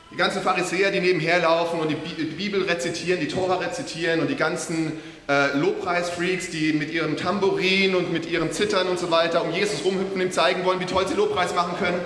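A man with a fairly high, bright voice delivers a sermon, telling the story with lively, slangy energy and speaking straight to his audience. He sounds roomy and reverberant, as if in a large hall, with faint hiss in the background. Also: brisk. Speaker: preacher.

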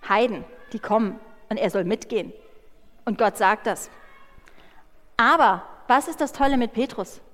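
High-voiced woman preaching in an echoing hall. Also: moderate pace, pauses often. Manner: lively storytelling, addresses the listeners directly. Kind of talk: sermon.

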